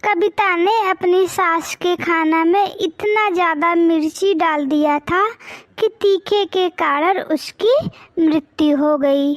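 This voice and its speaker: A woman narrating a moral cartoon story in a slow, deliberate storytelling manner. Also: very high voice, dry recording.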